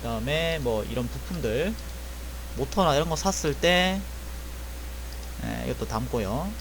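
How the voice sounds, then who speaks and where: Here the airsoft gun technician talks in a mid-range, expressive voice, a little slowly, over background noise. It's a casual tutorial in which the young man reasons through a repair aloud and fixes his own slips as he goes.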